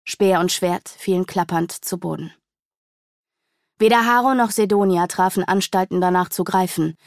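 A woman's voice: on the low side, steady tone, moderate pace, darkish tone, dry recording, clean studio sound. A woman reading a fantasy novel aloud in a dramatic, vivid storytelling manner. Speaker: audiobook narrator. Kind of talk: scripted fantasy narration.

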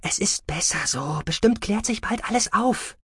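A man's voice: high-pitched, expressive, normal speed, breathy edge, dry recording, clean studio sound, pitched above the performer's own voice, full character voice. A man voicing a young woman, the surgeon's sensible daughter, who pleads with her father. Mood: soothing. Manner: pleading, reasoning.

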